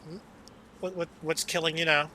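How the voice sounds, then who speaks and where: Bright, high-voiced male streamer. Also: little pitch movement, moderate pace, a little hiss or hum. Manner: rambling, swears casually. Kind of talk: casual gaming chat.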